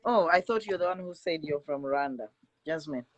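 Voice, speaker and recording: A man hosting an interview, asking brisk, direct questions. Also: fairly high pitch, lively intonation, no room sound, dull audio. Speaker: host.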